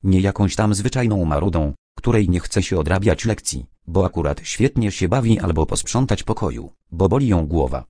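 A man narrating children's stories and poems aloud in a clear, even storytelling manner. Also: deep voice, normal speed, hardly any pauses, dry recording, studio quality.

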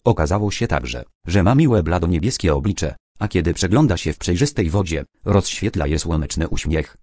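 Man reading a kids story, low warm voice, calm, dry close sound. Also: moderate pace, no room sound. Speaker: narrator.

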